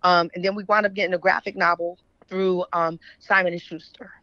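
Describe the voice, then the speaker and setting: Sounding pushed and bright, this Philadelphia woman speaks with a fairly low, flat pitch at a fairly quick pace. She's an author and editor being interviewed, telling stories casually and conversationally while often asking the listener "right?" The audio has no echo, and its highs are cut off.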